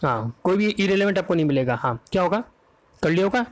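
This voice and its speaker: Brisk Indian teacher drilling vocabulary. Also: male voice, high voice, animated. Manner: fast, drills answers with repeated "है ना?" checks. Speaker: English exam-prep teacher. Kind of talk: quick quiz-style vocabulary lesson.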